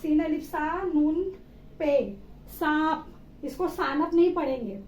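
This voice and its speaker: A woman's voice: high-pitched, measured pace, mellow. A woman teacher giving a step-by-step reading lesson for children, patiently spelling out letters and answering her own questions. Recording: roomy, slightly dull recording with faint ambience.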